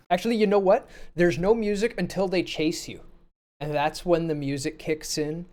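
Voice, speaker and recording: A man's voice: fairly high pitch, darkish tone. A man on a live game review panel, talking casually, laughing often and repeating words as he starts sentences.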